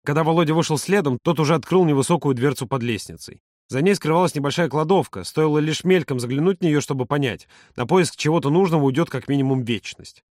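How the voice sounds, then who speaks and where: A man narrating an audiobook in an even, measured reading. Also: fairly high pitch, no echo, clean studio sound. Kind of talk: scripted narration.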